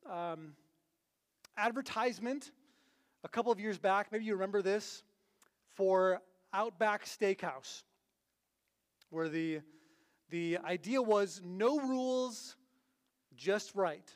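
A man's voice: high voice, slow pace, long pauses, long reverb tail. A man preaching a casual sermon, conversational and full of fillers and restarts. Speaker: pastor.

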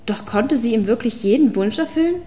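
A woman reading a fantasy audiobook as narrator, in even, measured storytelling. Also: on the high side. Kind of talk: scripted narration.

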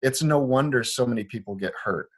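A man's voice: medium pitch, brisk. A man from Liberia, a foot doctor, explaining his views in an earnest, conversational way with frequent restarts. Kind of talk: conversational interview. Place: Portland, Oregon clinic.

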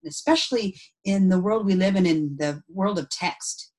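Podcast co-host, woman, reflective, mid-pitched, laughs easily. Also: moderate pace, a little mellow. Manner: thoughtful, unpacks ideas aloud with frequent "and so" restarts. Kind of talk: casual reflective podcast chat.

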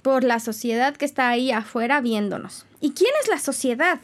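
A young woman with a Mexican accent hosts her podcast in an easy, loose monologue. She sounds loud and expressive, and she laughs often. Her voice sits high. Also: normal speed. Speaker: podcast host. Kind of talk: casual solo podcast monologue.

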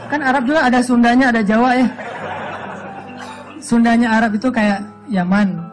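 A man from Aceh giving a humorous religious talk as a preacher, telling stories in a lively way and acting out quotes in a raised voice. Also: very high voice, moderate pace, faint music behind, a faint crowd. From Aceh, Sumatra. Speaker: Islamic preacher.

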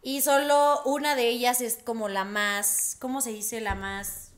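A woman's voice: fairly high pitch, a little slow. A young woman with a Mexican accent, chatting casually as a podcast co-host and telling stories with lots of laughter and acted-out quotes. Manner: animated storyteller, laughs often, acts out quotes. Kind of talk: casual chat.

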